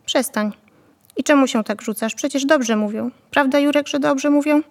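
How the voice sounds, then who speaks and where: Lady doing a naggy aunt, scolding, kinda gravelly. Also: sits high, moderate pace, a little mellow. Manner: scolding, needling. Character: nagging aunt, sharp-tongued and scolding.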